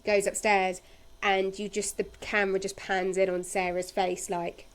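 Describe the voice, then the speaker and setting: A woman hosting a podcast, retelling soap episodes in a casual, chatty way with animated storytelling. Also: medium pitch, normal speed, a little hiss or hum. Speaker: podcast host recapping a soap. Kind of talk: casual chat.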